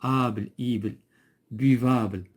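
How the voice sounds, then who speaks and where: A man's voice: mid-range voice, fairly even intonation, measured pace, slight background noise. A man with a Moroccan Arabic accent teaching a French lesson in class, patiently repeating terms and prompting a pupil to finish words. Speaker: primary school French teacher.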